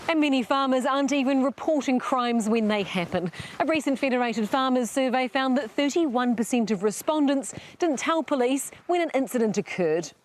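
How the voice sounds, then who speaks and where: A woman's voice: high-pitched, moderate pace, a little hiss or hum. A woman with a New Zealand accent narrating a scripted news report as a reporter.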